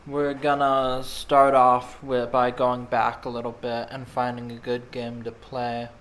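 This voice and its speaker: A man's voice: medium pitch, monotone, measured pace, a bit bright. A man giving casual, rambling commentary over video game replays, chatting while he snacks. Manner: rambling, laid-back, snacking while talking.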